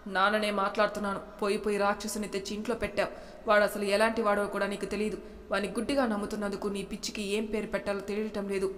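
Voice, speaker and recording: A woman's voice: mid-range voice, level tone, rapid-fire, fairly bright tone, in a large hall, close to an everyday voice. A woman doing a stern old father. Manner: scolding, warning. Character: stern older father, man.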